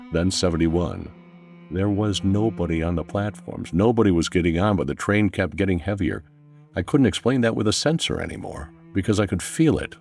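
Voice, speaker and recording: A man narrating a first-person horror story in a measured, tense storytelling manner. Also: low-pitched, vocal fry, darkish tone.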